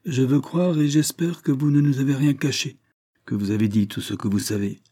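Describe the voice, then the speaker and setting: Officier de police insistant, lu par un homme. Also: male voice, mid-range voice, moderate pace, dark tone, no echo, clean studio sound, voice pushed up, close to an everyday voice. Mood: insistent. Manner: insistent, probing. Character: insistent male police officer questioning a witness.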